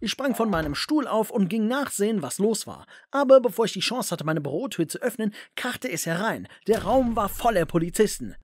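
A man narrating a dramatic first-person animated story in a scripted way. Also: high voice, fairly quick, few pauses, a little hiss or hum.

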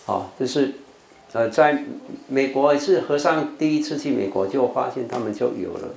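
This older man, a Buddhist monk from Taiwan, leads an English vocabulary lesson for TV with call-and-response drills, his Taiwanese Mandarin accent sometimes giving way to Taiwanese Hokkien. His medium-pitched voice is animated, creaky and darkish, at a moderate pace. A roomy hall with faint noise surrounds him.

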